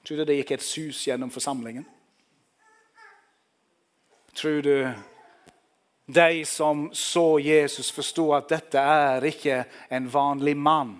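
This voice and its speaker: A man's voice: fairly high pitch, fairly even intonation. A man preaching a sermon, telling the story vividly and speaking directly to the listeners.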